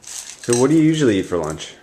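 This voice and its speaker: An interviewer in an amateur comedy sketch, asking questions calmly. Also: mid-range voice, a little fast, a little hiss or hum.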